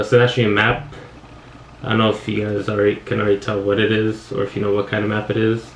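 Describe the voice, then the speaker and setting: A young man from Afghanistan talks casually to his viewers, rambling with filler words and joking at his own expense. His voice sits low with a gravelly edge. The camera mic catches a roomy home space with a faint hiss. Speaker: vlogger. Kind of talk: casual vlog chat. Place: home room with TV on.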